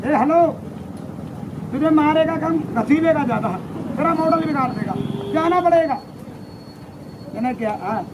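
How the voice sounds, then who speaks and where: A man's voice: very high-pitched, animated, normal speed, pauses often. A man performing a rowdy, teasing comic street show for a crowd, switching between the voices of his characters. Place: outdoors on a busy street. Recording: noisy outdoor crowd recording.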